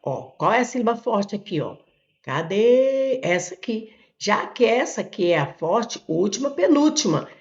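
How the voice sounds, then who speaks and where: A Brazilian woman teacher walks through exam questions one step at a time. She often says "ó" and "olha" as she points at the board, and her pitch moves up and down a lot. The recording is echoey and sounds dull and lo-fi. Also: sing-song, moderate pace, few pauses. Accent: Brazilian Portuguese. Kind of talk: exam prep lesson, working through questions.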